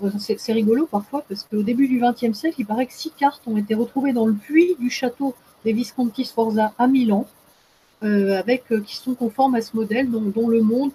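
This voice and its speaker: A woman's voice: a little high, mellow, slightly rough, poor audio. A woman explaining as a guest expert in casual talk, hesitant, with many fillers and restarts.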